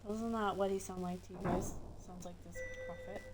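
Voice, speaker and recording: A woman's voice: fairly low pitch, fairly even intonation, a little fast, heavy background noise. A woman streaming a game, giving casual, informal commentary and chatting with viewers. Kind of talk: casual live gaming commentary.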